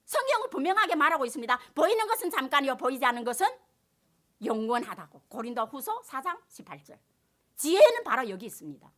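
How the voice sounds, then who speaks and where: A woman's voice: sits high, sing-song, fast talker, fairly bright tone. A woman pastor preaching a sermon in a church, with rising emphasis and call-and-response with the congregation.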